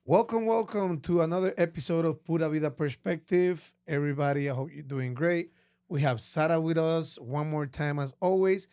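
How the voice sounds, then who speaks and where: A man's voice: on the high side, moderate pace, clear, resonant tone, no echo. A man hosting a podcast, welcoming and questioning his guest with enthusiasm. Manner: enthusiastic, warm welcoming, loose phrasing. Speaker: podcast host. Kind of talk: casual interview chat.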